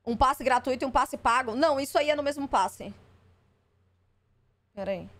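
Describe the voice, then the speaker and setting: Skeptical high-voiced streamer woman. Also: moderate pace, fairly bright tone. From Brazil. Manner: skeptical, exasperated, swears freely. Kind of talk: live stream reaction.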